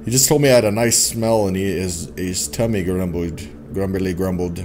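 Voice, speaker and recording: Here a young gaming host with a deep, fairly even voice talks at normal speed amid background noise and game music. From his home setup he keeps the let's play casual, reading game text and reacting with playful humor.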